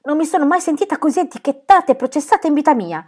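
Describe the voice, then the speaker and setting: A woman doing a blunt, lively young sister. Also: high voice, racing, voice pushed up. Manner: blunt, exclaiming, playful. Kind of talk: audiobook reading.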